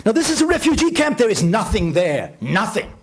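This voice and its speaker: A man giving a storytelling lecture as a radio journalist, acting out dialogue vividly and slowing to a low voice for emphasis. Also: huge pitch swings, slightly rough. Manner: vivid, acts out dialogue with shifting pitch; slows down and drops low for emphasis. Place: lecture hall.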